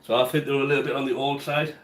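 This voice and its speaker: A man's voice: medium pitch, flat delivery, racing, a little hiss or hum. A man hosting a casual cooking livestream from his home kitchen, chatting and answering viewers by name as he cooks. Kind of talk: casual live-stream chat while cooking. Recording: echoey kitchen room sound.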